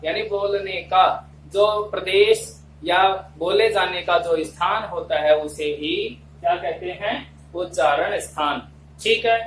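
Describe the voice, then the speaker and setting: Slow high-voiced male Sanskrit teacher. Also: fairly bright tone. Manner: slow, deliberate explanation, chanting verse syllable by syllable. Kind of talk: online exam-prep lesson. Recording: echoey room, voice off-mic, faint hum.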